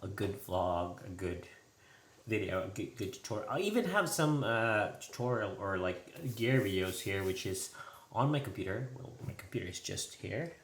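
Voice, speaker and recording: A man's voice: on the low side, lively intonation, normal speed. A man talking casually and hesitantly in an off-the-cuff vlog recorded indoors at home. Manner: hesitant, loose, off-the-cuff talk. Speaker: vlogger. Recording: echoey room, faint noise.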